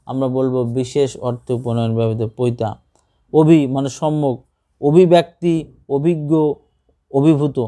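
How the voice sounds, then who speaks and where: A man's voice: medium pitch, steady tone, measured pace, long pauses, mellow. A man teaching an exam-prep grammar lesson, reading out word lists and asking and answering his own questions.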